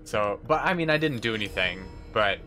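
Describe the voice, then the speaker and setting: A man's voice: fairly low pitch, expressive, a little fast, bright, forceful tone. Young American man streaming a game. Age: young adult. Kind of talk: casual chat while playing, replying to viewers. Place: indoor room at a desk. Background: faint game music.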